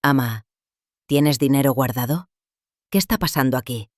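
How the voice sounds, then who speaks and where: A woman voicing a resentful, grasping adult son who speaks with a forced softness over suspicion. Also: a bass voice, normal speed, dry recording, studio quality. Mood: tense.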